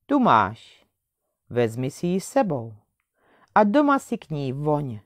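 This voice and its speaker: A woman voicing a gentle old granny. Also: deep voice, sing-song, no echo, studio quality. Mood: kindly. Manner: soft and friendly. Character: kind, gentle old woman tending flowers.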